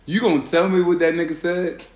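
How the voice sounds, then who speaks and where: A man with a slightly raised pitch recounts a night out, relaxed and profane. His voice carries the ring of an echoey room. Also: a little fast. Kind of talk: casual chat, telling a story.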